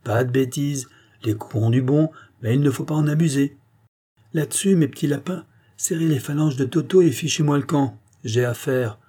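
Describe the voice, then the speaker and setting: A man voicing a cocky, brisk actor-turned-detective who gives orders jauntily. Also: medium pitch, warm tone, husky, pitched above the performer's own voice, natural voice. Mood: jaunty.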